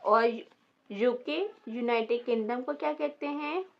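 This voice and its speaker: A woman's voice: on the high side, unhurried, creaky, highs cut off. A woman teaching a beginner vocabulary lesson, repeating each word and spelling it out syllable by syllable. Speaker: language teacher.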